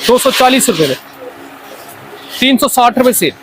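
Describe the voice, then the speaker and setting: A Pakistani man pitches wholesale goods in a high-set voice. His delivery is an off-the-cuff hard sell that insistently repeats itself. Light urban noise with traffic sits behind him. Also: lively intonation, normal speed. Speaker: wholesale toy seller presenting stock.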